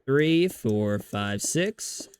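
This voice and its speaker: A man's voice: mid-range voice, animated, drawn-out words, darkish tone, smooth. A man streaming a video game, chatting casually with viewers in a rambling way, swearing often and restarting his sentences. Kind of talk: casual livestream chat while gaming.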